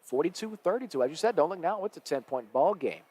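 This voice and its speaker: A man calling live high school basketball play-by-play, quick and energetic as the action rises. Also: slightly rough. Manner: rapid and energetic, rising with the action. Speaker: play-by-play announcer.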